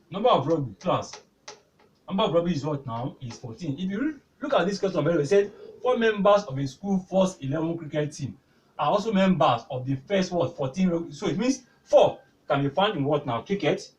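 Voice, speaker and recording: Guy teaching maths at a board, keeps asking the class questions, bouncy voice, mic a bit far off. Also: fairly high pitch. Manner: repeatedly asks "what now?" prompting answers. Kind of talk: whiteboard tutorial.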